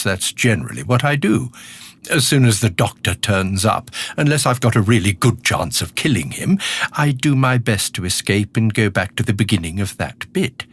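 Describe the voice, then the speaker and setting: An actor playing a decaying, skeletal alien villain in an audio drama monologue, charming, sinister and self-pitying, confiding in the listener with sardonic relish. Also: male voice, on the low side, husky. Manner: theatrical, confiding, sardonic, drawn-out menacing phrases.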